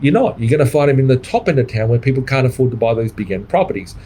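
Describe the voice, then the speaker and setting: A man's voice: medium pitch, animated, rapid-fire, warm tone, slight background noise, poor audio. A middle-aged Australian man who coaches property investors, talking bluntly and swearing in a livestream monologue, often tagging "right?" on his points. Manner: blunt, swears freely, keeps adding "right?".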